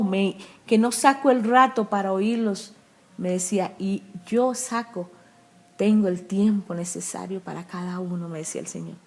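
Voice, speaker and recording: A woman's voice: mid-range voice, a little mellow. Costa rican lady preacher, earnest emphatic testimony, medium voice. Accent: Costa Rican Spanish. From Costa Rica. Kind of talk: testimony in an interview.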